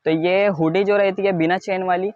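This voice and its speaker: An Indian man giving a product showcase as a wholesale seller, in a repetitive, insistent sales pitch that stresses low prices. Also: steady tone, normal speed, dry recording, dull audio. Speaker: wholesale clothing seller presenting stock.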